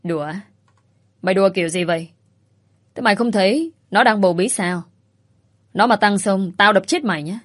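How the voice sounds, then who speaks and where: A woman's voice: medium pitch, no room sound, close to an everyday voice. A woman voicing a hot-tempered, outspoken female coworker who swears and scolds, in an audio story. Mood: furious.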